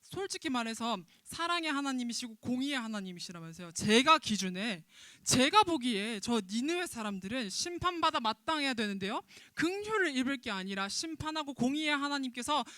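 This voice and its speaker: A woman's voice: sits high, expressive, a little fast, bright, forceful tone, no room sound, studio quality. Jonah, a whiny protesting prophet voiced by a woman. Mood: indignant. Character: indignant, sulking male prophet Jonah. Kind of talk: dramatized Bible retelling for children.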